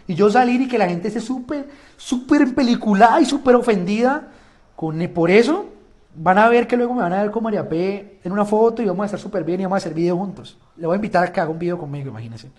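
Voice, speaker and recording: A man's voice: sits high, lively intonation, fast talker, a little mellow. A young man telling his side of a story in casual talk, acting out quoted dialogue. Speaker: reality show contestant. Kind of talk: casual explanation to camera.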